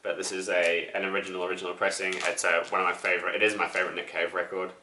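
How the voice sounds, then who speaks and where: A man from New with a deep, bright-edged voice, rambling through a casual record show-and-tell. He fills his speech with ums and restarts. The sound is roomy, with echo from a room at home. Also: little pitch movement, racing, a little hiss or hum. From New Zealand. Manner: rambling, many fillers and restarts. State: out of breath, still sick. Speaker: record collector vlogger.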